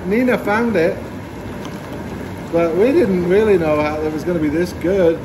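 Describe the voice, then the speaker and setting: Upbeat male travel vlogger, high-pitched, chatty, recorded over loud noise. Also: normal speed. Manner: enthusiastic, chatty. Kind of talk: casual travel vlog chat. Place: hotel spa and restaurant.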